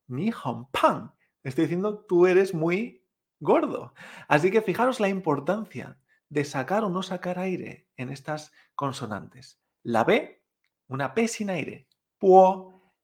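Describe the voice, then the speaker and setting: A man teaching Chinese pronunciation in Spanish in an online lesson, explaining patiently and checking in with the listener often. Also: fairly high pitch.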